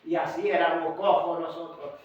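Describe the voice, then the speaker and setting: A man with a Chilean accent preaching a fervent sermon, swinging from hushed asides to shouted, sung-out lines. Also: a little high, little pitch movement, normal speed, heavy reverb, far from the mic, lo-fi sound. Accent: Chilean Spanish. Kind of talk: Pentecostal-style sermon. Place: church hall.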